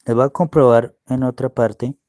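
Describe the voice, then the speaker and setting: A man's voice: mid-range voice, steady tone, mellow, dry recording, clean studio sound. A man preaching and teaching Bible words to his listeners, walking them through a screen share and often asking if they can see. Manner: slow, explaining, asks "¿ve?" often.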